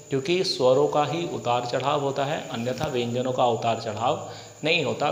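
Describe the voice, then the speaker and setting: A man gives an exam-prep lecture in a hall with a long echo. He asks the class questions and answers them himself, then goes back over each point slowly. A faint room hum sits under his voice. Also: mid-range voice. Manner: repeats key points slowly. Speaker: Hindi teacher.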